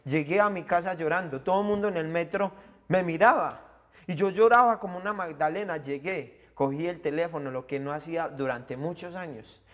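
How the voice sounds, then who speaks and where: A man's voice: fairly high pitch, moderate pace, a bit bright. A young man with a Colombian accent giving an earnest personal testimony in an interview, acting out the voices of the people in it. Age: young adult. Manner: earnest storyteller, acts out the voices of people in his story.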